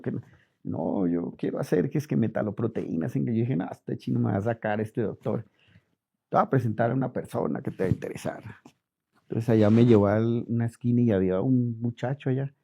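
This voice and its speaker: A middle-aged Colombian man being interviewed, telling lively stories and acting out quoted dialogue. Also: medium pitch. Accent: Colombian Spanish. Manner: animated anecdotes, acts out quoted dialogue. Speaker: interviewed physician. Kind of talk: relaxed storytelling interview. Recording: dull lo-fi audio.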